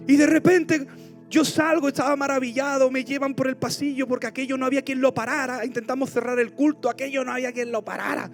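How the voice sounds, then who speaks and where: A man preaches a passionate sermon in a very high voice. He swings loud cries to hushed asides as he tells his stories. Faint music plays behind him. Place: large church auditorium.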